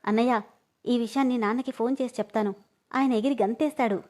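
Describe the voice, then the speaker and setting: A woman voicing a caring, talkative sister-in-law who consoles and gently scolds. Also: on the high side, fairly even intonation, fast talker, natural voice. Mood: consoling.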